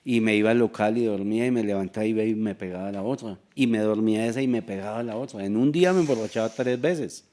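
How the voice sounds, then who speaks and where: Low-voiced man sharing testimony. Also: quick pace, hardly any pauses, mellow. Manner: reflective, confessional, with hesitant restarts. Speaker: testimony guest. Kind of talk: casual spoken testimony.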